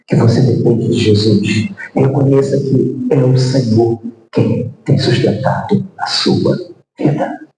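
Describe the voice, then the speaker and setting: A man's voice: a little high, mellow. A man with a Brazilian Portuguese accent preaching a sermon as pastor, emphatic and repeating refrains. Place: church sanctuary. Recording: echoey church sanctuary.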